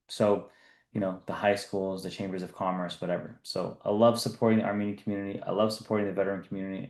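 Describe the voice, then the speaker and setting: A man's voice: low-pitched, darkish tone, reverberant. A man in his thirties from the US East Coast, a business founder telling his story earnestly in a podcast interview. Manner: earnest, repeats words when restarting.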